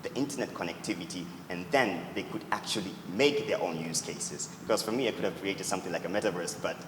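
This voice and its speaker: Deep-voiced founder fielding judge questions; earnest, leans on "actually"; long reverb from a big hall. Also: male voice, fast talker, noisy background. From Tanzania. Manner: earnest, repeats "actually" often. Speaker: startup founder answering judges. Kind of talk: pitch Q&A answer. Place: event hall. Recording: echoey hall with loud ambience.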